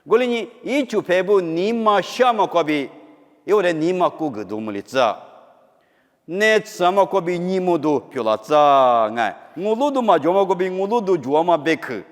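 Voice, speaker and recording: A man preaching a sermon with emphatic delivery, rising to loud high stresses and dropping to low quiet phrases. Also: expressive, moderate pace. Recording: long hall reverb.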